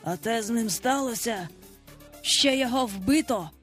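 A woman's voice: on the high side, expressive, a little slow, a bit bright, faint music behind. A woman narrator voicing a frightened male pirate sailor who stammers out his report.

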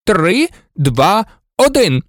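A man's voice: high voice, sing-song, brisk, smooth, no room sound, clean studio sound, voice pushed up. A man reading an audiobook, voicing a strict, commanding woman referee and teacher. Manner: sharp, commanding. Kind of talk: audiobook character voice.

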